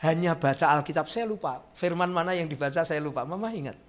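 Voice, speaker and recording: A male pastor preaching a sermon, telling a personal story to the congregation, dropping soft and then rising to loud emotional peaks. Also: a little high, fast. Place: church.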